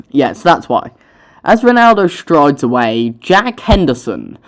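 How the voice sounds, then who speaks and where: A young author narrating their own story, breaking off for casual, self-mocking, sweary commentary. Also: medium pitch.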